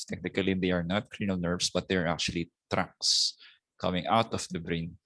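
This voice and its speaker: A middle-aged man with a Filipino accent giving a slow anatomy lecture, often ending points with a questioning "no?". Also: sits low, bright, forceful tone, no room sound. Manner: slow, repetitive teaching with tag "no?". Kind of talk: recorded lecture.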